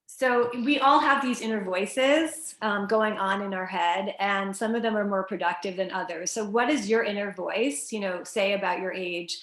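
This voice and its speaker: A middle-aged woman leads a career webinar in a loose, conversational way, full of "you know" and restarts. Her voice sits at an ordinary pitch and rings in a reflective room. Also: normal speed, few pauses, roomy sound. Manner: relaxed, many fillers and restarts. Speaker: career coach co-hosting a webinar.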